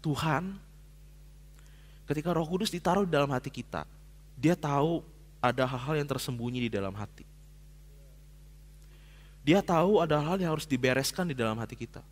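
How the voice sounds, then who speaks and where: A man's voice: fairly high pitch, normal speed, long pauses. Guy preaching, slangy storytelling, voice jumps all over, big echoey church hall. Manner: lively storytelling, casual Jakarta slang, swings from hushed to loud. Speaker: pastor. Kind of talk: sermon. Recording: long hall reverb.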